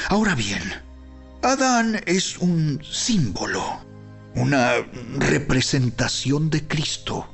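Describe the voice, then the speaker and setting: A man narrates scripture in a solemn, emphatic style, taking his time and leaving weighty pauses. His voice is husky with a gravelly grain, and soft music plays behind him. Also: medium pitch. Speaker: Bible narrator. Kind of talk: dramatized scripted Bible narration. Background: background music.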